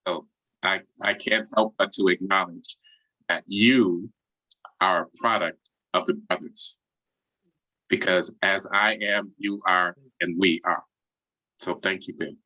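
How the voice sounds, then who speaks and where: A man speaking slowly and earnestly, giving a heartfelt tribute over a video call. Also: low voice, fairly even intonation, pushed and bright, no room sound, rough recording. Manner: slow, deliberate and earnest. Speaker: presenter.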